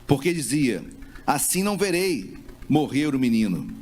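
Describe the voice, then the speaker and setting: A man's voice: medium pitch, big pitch swings, normal speed, darkish tone, slight background noise. A man preaching a sermon as pastor with a Brazilian Portuguese accent, speaking with passion and voicing a grieving mother's words. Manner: impassioned preaching, acting out a mother's voice.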